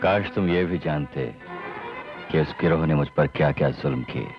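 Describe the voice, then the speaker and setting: A weary, defiant prisoner with a very low, grave voice. He speaks over clear film music on a dull old soundtrack. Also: moderate pace. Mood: bitter. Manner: grave, resigned. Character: bitter captured gunmaker, weary and defiant. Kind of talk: 1980s Hindi film dialogue.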